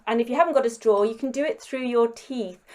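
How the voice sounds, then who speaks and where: A woman singing teacher giving gentle, encouraging step-by-step breathing and vocal warm-up instructions. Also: fairly high pitch, quick pace, soft background music.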